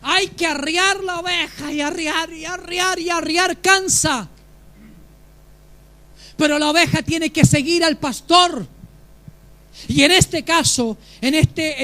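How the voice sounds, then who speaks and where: High-voiced man preaching a sermon. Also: sharp tone. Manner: emphatic preaching, questions to the congregation. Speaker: pastor.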